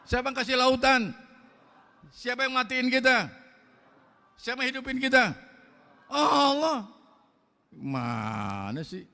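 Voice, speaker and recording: A man with a Betawi Jakarta accent preaching a fiery sermon, loud, blunt and forceful, with slangy talk. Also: very high voice, level tone, moderate pace, long pauses, big-room sound.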